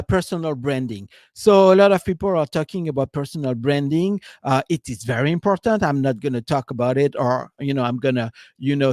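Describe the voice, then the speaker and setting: Speaking casually on a live stream, this business coach from France meanders along in a French accent, filling his talk with "you know" and "right?". The voice is a little high and darkish, captured dry with clean studio sound.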